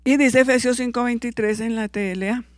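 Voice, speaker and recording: With a clear, resonant, medium-pitched voice, the Bible teacher talks a little fast and fairly evenly, and there's no echo. They read verses aloud, fix their own wrong references, and check in with the class through short tag questions.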